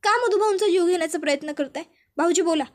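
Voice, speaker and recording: A woman playing a scared aunt who stammers and begs, very high pitched, pressing and insistent, soap drama retelling. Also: fast talker. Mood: pleading accusing. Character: frightened middle-aged woman, stammering and pleading.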